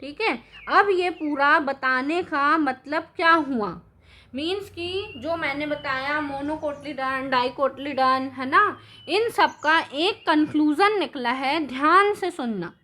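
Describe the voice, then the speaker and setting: Woman teacher, high and bright, quizzing her class in a lesson. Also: takes it slowly. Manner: asks the class questions and answers them herself; mixes English terms into Hindi. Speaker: science teacher. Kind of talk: classroom lesson explaining with drawings.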